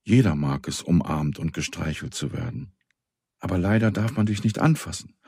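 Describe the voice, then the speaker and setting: A man voicing a kind, lively little girl in a children's story, speaking earnestly and coaxingly. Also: deep voice, normal speed, husky, no room sound, clean studio sound, exaggerated voice. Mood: gentle.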